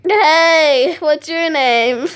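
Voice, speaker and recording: A woman's voice: high voice, very slow, fairly bright tone, a little hiss or hum. A woman, a mother, chatting casually on a home video with her child, teasing and laughing often.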